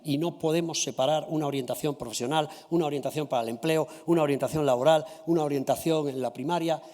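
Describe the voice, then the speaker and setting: A man giving a formal conference presentation of a study. He addresses the audience politely and checks in often with a quick "¿sí?" or "¿vale?". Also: a little high, darkish tone, big-room sound.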